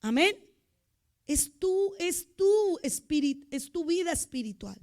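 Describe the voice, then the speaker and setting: Middle-aged woman pastor, high voice, emotional sermon delivery that swings from soft to loud. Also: animated, slow.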